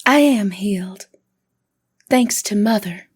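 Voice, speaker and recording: A woman voicing a possessed woman who speaks with unsettling, sing-song calm. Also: medium pitch, takes it slowly, slightly rough, pitched above the performer's own voice. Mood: sinister sweet. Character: possessed woman, eerily sweet, sinister.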